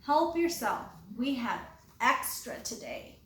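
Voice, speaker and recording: A teacher reading the part of a warm, reassuring uncle who runs a soup kitchen, greeting everyone with gentle jokes. The voice sits a little high, and it sounds roomy with a faint hiss behind it. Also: female voice, big pitch swings, takes it slowly, heavily acted. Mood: welcoming. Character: kindly middle-aged male soup kitchen worker.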